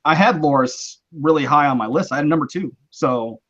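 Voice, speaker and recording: A man's voice: a little high, a little fast, a bit bright, lo-fi sound. A man hosting a casual live-stream chat, explaining his views in a rambling, conversational way with many restarts. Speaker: host.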